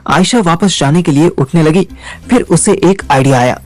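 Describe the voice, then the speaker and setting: A man's voice: fairly high pitch, moderate pace, soft background music. A young man narrating a first-person story in a wry, conversational way.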